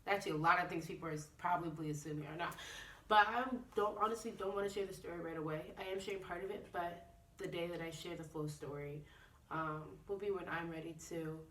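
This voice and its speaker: A woman's voice: lowish voice, steady tone, quick pace, fairly bright tone, a little hiss or hum. A young woman recording a personal video diary. She talks candidly and reflectively, with frequent fillers. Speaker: vlogger. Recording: echoey room, a bit far from mic.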